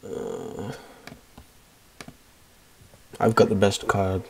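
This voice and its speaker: A man's voice: fairly low pitch, steady tone, extremely slow, vocal fry, slight background noise. A man hosting an online card game with friends, reading the cards aloud and teasing the others with frequent laughs. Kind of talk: casual online game chat.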